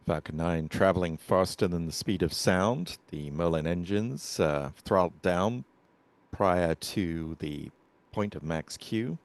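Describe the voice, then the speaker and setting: A man giving measured, explanatory live commentary on a launch as a webcast commentator. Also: low-pitched, dry recording.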